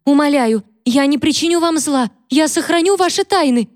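A woman voicing a frightened young maidservant who pleads tearfully and breaks into shrill accusations. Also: lively intonation, unhurried, warm tone, dry recording, clean studio sound. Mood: frightened, accusing.

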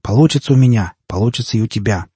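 Man doing a hissing scheming prisoner, quiet, husky, dark. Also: lowish voice, fast, dry recording. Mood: urgent hiss. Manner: hissed, barely moving lips, urgent.

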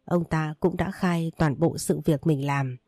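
A woman narrating an emotional story in a steady reading style. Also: low voice, measured pace, no room sound, clean studio sound.

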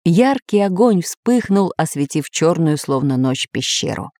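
A woman reads a children's storybook aloud in a fairly low voice with an expressive lilt. The recording is dry and close. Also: unhurried, no room sound.

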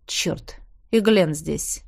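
Woman reading a wry, guarded husband; low and grumbling, dry close sound. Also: drawn-out words, creaky, a little mellow, no echo, full character voice.

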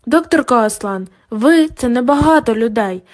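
A woman's voice: fairly high pitch, lively intonation, moderate pace, darkish tone, natural voice. A woman voicing a panicky young female graduate student who pleads anxiously. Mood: pleading.

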